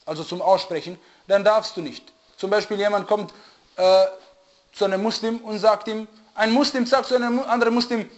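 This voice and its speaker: A man's voice: high-pitched, steady tone. A man giving a religious lecture who often stops to search for the right word and checks whether listeners follow. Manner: often pauses to search for German words; asks listeners to confirm they follow. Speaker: religious teacher. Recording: dull lo-fi recording.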